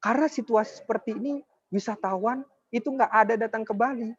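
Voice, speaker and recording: Very high-pitched and husky, talking a little fast, a young network marketing presenter in his twenties pushes a motivational sales message and speaks directly to his audience again and again. There's no room sound; the recording is dull, dry and lo-fi.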